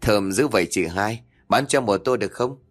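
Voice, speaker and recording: A man's voice: on the low side, moderate pace, faint music behind, lightly acted. A man voicing an easygoing village gambler who talks in a casual, coaxing way.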